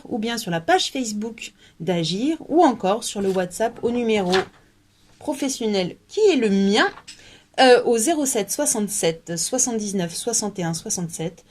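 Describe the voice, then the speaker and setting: A woman hosting a relaxed language workshop video. She talks in a chatty, hesitant way, pausing often on fillers and restarting her sentences, at an ordinary pitch for a woman. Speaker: English workshop leader. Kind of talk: casual video lesson.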